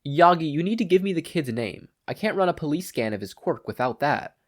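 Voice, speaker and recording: Voicing a fussy male official in a story, a man pitches his voice well above his normal speaking level. The delivery is prim, precise and expressive, a little fast, brisk and businesslike with an exasperated edge.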